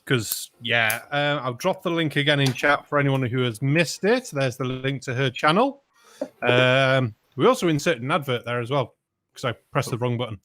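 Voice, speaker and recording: A man's voice: mid-range voice, animated, a bit bright. A man hosting a casual poker stream, telling bad jokes and drawing out his reactions. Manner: joking, drawn-out reactions.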